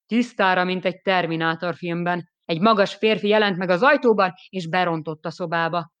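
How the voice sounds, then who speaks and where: A woman giving a lively, expressive first-person audiobook narration. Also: on the low side, smooth, muffled recording.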